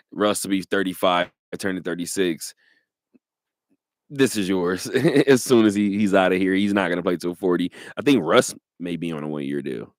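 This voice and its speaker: A man hosting a sports radio talk show, talking in an animated way, laughing often and repeating his points. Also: low-pitched, dry recording, clean studio sound.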